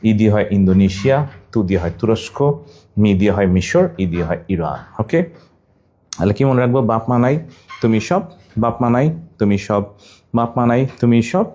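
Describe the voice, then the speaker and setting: A man's voice: lowish voice, moderate pace, long pauses, dark tone. A man from Bangladesh teaching a general knowledge class, repeating each item over and over and telling students to write down memory tricks. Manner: asks students questions and tells them to write things down.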